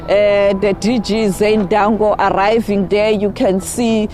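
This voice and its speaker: A woman's voice: medium pitch, flat delivery, unhurried, darkish tone. A woman doing live news reporting outside a court. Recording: music bed under the voice.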